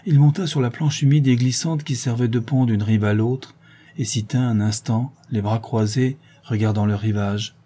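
A man reading a classic novella aloud as narrator in a measured, literary way. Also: medium pitch, dark tone, breathy edge.

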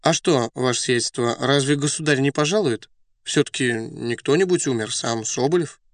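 Male reader as a courteous young official, quiet and deferential. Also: mid-range voice, normal speed, no echo, pitched above the performer's own voice, natural voice. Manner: deferential, polite.

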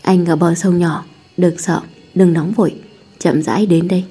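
A woman voicing a devoted young husband who talks low and gently, in a hushed, soothing way. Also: fairly even intonation, normal speed, slightly rough, soft background music. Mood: tender. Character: devoted rich young husband, cool but tender.

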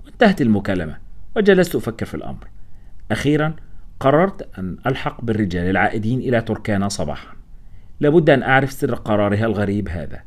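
A man reading a first-person story aloud as scripted audiobook narration, with brisk, steady storytelling. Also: fairly low pitch.

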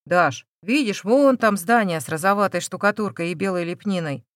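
A calm, caring man in his thirties speaks softly and reassuringly, voiced a little lower by a woman reading an audiobook. The recording is dry and close, with no room sound. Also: moderate pace, no echo, lightly acted. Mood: gentle. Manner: gentle, reassuring. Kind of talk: audiobook character voice.

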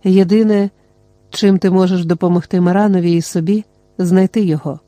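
A reader voicing a cold, commanding male mage who speaks curtly and flatly in an audiobook. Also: medium pitch, fairly quick, dry recording, close to an everyday voice. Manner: cold, flat, curt.

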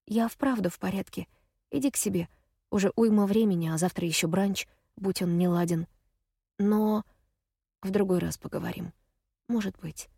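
Within an audiobook, a guarded older sister speaks in a soft, unsteady, hushed voice, as the woman narrating puts her on. The sound is close and dry, with no room around it. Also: mid-range voice, moderate pace, gravelly, pauses often, slightly rough, no room sound. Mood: tearful.

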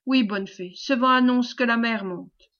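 A woman's voice: fairly high pitch, a little slow, fairly bright tone, highs cut off. A woman reading the part of a timid young peasant lad who pleads tearfully but stands his ground, in a storybook reading. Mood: determined. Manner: pleading, respectful but determined.

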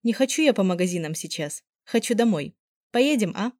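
A woman reading the part of a gentle, teasing young woman, with a soft, coaxing delivery. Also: mid-range voice, expressive, brisk, dry recording, clean studio sound, voice pushed up, lightly acted.

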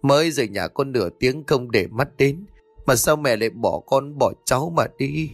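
A man's voice: medium pitch, expressive, moderate pace, no room sound, faint music behind. A man voicing a deceitful daughter-in-law who pleads in a choked, wailing voice.

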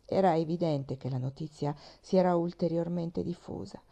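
A woman reading a classic novel aloud as an audiobook, in a steady, measured way. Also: fairly low pitch. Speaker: audiobook reader.

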